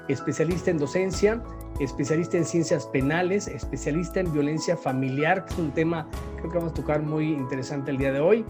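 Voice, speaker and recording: Hesitant interview host. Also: medium pitch. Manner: warm praise, many hesitations and restarts. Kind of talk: interview introduction and questions.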